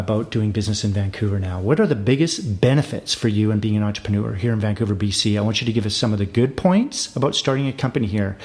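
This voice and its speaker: A man hosting an interview, reading a guest introduction and then asking structured questions. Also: lowish voice. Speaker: host.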